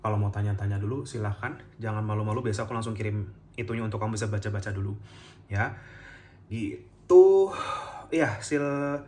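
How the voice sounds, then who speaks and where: A man giving a casual, chatty tarot reading to camera, gentle and full of fillers and soft laughs. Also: fairly low pitch, fairly quick. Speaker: tarot reader.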